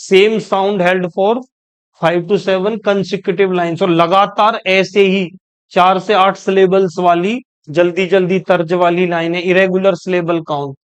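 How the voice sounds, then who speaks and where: High-voiced, unhurried male teacher. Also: clean tone. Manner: explains step by step, often rephrases himself; reads English quotes slowly and deliberately. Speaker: exam-prep teacher. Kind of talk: explanatory lecture.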